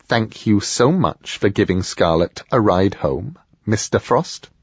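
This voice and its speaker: A man's voice: medium pitch, sing-song, normal speed, creaky, slightly rough, dry recording, lo-fi sound, pitched above the performer's own voice, full character voice. A man voicing a wary middle-aged mother who speaks in a clipped, icy way.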